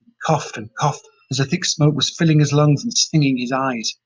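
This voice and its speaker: A man narrating a story in a steady, plain way. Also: medium pitch, moderate pace, rough recording. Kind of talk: storybook reading.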